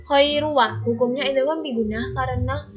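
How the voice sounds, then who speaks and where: A young woman student reading out a tajwid lesson, stating each rule in a steady, methodical way and stretching out the quoted words slowly. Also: high voice, lo-fi sound. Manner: steady recitation-style explanation, drawing out quoted Quranic words slowly. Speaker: university student. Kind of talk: reading a recorded tajwid assignment.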